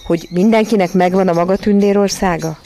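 A storybook narrator voicing a prim, haughty nanny who speaks curtly and with scorn, in a slightly gravelly voice. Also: medium pitch, lively intonation, a little mellow, a little hiss or hum. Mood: pitying. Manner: haughty and curt.

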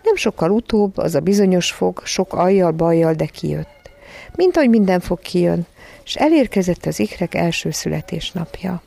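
A woman narrating a children's novel as an audiobook in a calm, even storytelling manner. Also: on the low side, creaky.

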